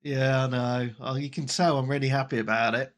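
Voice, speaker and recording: Stuffed up from a cold, a gaming podcast host in his late thirties talks fairly quickly. His medium-pitched voice stays steady as he chats casually, pokes fun at himself, and drops plenty of ums.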